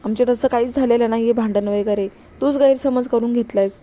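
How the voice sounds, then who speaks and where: A gentle middle-aged mother pleads with her son and tries to calm him, read by a woman. The voice is mellow and fairly high. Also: brisk, close to an everyday voice. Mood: pleading. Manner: soothing and pleading.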